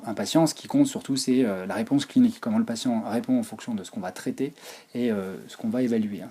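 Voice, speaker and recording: A man's voice: lowish voice, dark tone, husky. A man presenting a physiotherapy talk over slides, hesitant, with many fillers and restarts. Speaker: physiotherapy lecturer.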